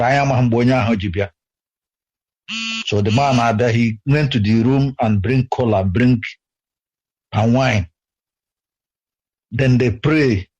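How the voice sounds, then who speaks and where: A man's voice: medium pitch, a little mellow. A man from Nigeria with a Nigerian accent, calling in to a radio show and speaking hesitantly, mixing Igbo and English. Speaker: caller. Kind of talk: phone-in call. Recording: muffled phone call.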